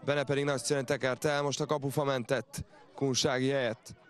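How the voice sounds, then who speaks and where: A Hungarian man giving excited live football play-by-play, exclaiming and openly backing the home side. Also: medium pitch. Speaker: football commentator. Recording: outdoor stadium with crowd noise. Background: crowd at a football match.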